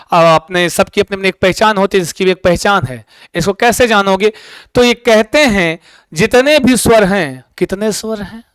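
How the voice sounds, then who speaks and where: A male teacher giving an exam coaching lecture in a lively way, often asking his students questions. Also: high voice, clear, resonant tone, no room sound, rough recording.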